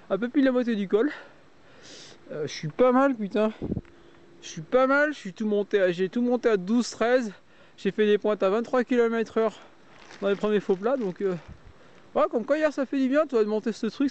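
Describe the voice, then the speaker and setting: A man's voice: high voice, a little mellow. A middle-aged man from Auvergne vlogging casually about a bike ride, blunt and swearing as he talks, with a heavy cold. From Auvergne, France. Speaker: cycling vlogger. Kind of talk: casual vlog narration.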